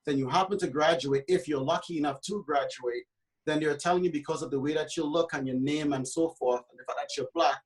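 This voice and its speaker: This panel speaker, a realtor from Trinidad and Tobago, has a slightly high voice and talks with passion. He often restarts his sentences and leans on fillers. The recording sounds rough.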